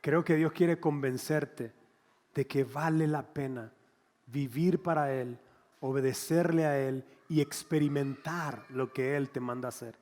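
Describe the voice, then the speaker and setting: A man, a pastor preaching an animated, conversational sermon and acting out little scenes. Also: mid-range voice, unhurried, in a large hall. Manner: animated, conversational, acts out quotes.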